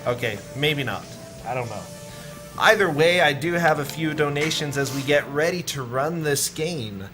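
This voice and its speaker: A man hosting a charity livestream marathon, reading donor messages aloud in a brisk, upbeat way. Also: on the high side, music in the background. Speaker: marathon host reading donations.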